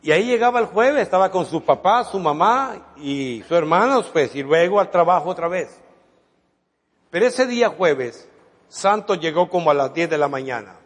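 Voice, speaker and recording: A man with a fairly high voice tells a story from the pulpit, dramatizing it as he goes. His sermon rings out with a long reverb, as if recorded in a large hall. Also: lively intonation, moderate pace, breathy edge. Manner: dramatic retelling with quoted dialogue. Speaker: preacher.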